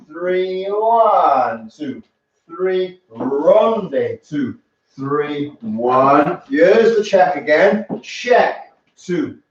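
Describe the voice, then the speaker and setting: A man teaches a dance lesson, counting beats in a slow, unhurried way with a slightly high voice. He teases his partner between steps. The sound is distant and echoey, with a dull, muffled tone. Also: animated. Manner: teasing, counts beats aloud. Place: dance studio.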